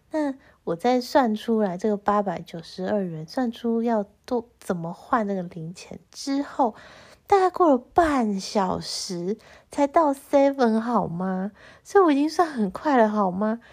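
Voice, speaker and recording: This young vlogger, whose Mandarin carries a Taiwanese accent, shares a personal story on camera, faltering and restarting as she gets more worked up and aggrieved. Her pitch is slightly high and her pace a little slow.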